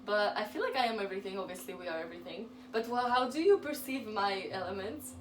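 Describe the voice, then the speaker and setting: A woman hosting a casual spiritual chat, bubbly and giggly, talking in quick bursts. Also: mid-range voice, echoey room, recorded from a distance, slight background noise. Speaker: channel host. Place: flat in London.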